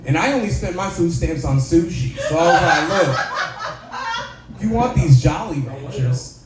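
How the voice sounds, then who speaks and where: A man doing a stand-up set, telling a story with laid-back, deadpan punchlines. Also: a little high, moderate pace, very noisy. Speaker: stand-up comedian. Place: comedy club stage. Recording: echoey club room.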